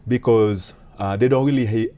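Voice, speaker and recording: A man, a pastor and police officer telling his story as an interview guest in an earnest, halting way with many fillers. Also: mid-range voice, mellow. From Haiti. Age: late 30s.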